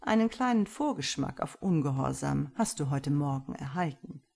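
A woman's voice: low voice, lively intonation, creaky, darkish tone, husky, exaggerated voice. A woman voicing a stern, commanding dominant man. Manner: cold, measured commands.

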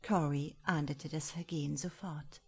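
A woman reading a story aloud as scripted audiobook narration, soft and measured. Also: sits low, fairly even intonation, slightly rough. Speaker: audiobook reader.

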